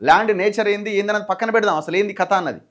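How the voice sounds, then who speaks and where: A man's voice: sits high, very fast, a bit bright. A man with a Telangana Telugu accent, giving political news commentary as a journalist and retelling events with many restarts and acted-out quotes.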